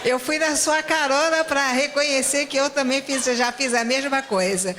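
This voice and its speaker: A woman's voice: high-pitched, noisy background. A woman making a light-hearted confession to a church class, chuckling as she speaks. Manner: slow, chuckling asides. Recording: reverberant church hall.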